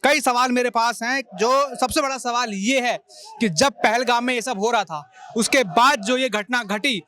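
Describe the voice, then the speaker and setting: Man, very high voice, sharp bright tone, insistent interviewer stacking questions. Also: measured pace. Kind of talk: news debate questioning.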